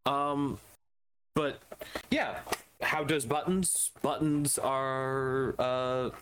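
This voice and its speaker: Bright-voiced joking man, casual chat. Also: mid-range voice, very slow, a little hiss or hum, rough recording. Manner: joking, laughs often, trails off with fillers. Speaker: podcast co-host.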